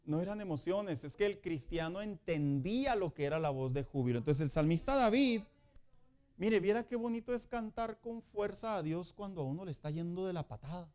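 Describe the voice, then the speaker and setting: A middle-aged pastor gives a Sunday school sermon. He talks to his listeners as brothers and sisters and jokes as he goes. His voice sits high for a man. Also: fairly quick. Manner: lively, joking preacher addressing "hermanos".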